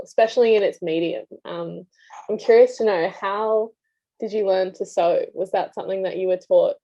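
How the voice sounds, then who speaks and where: A young woman hosting an interview, upbeat and quick with "amazing" and "fantastic" between questions. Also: fairly low pitch. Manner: enthusiastic, repeats "amazing" and "fantastic". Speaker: interview host. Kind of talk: casual interview. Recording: dull lo-fi sound.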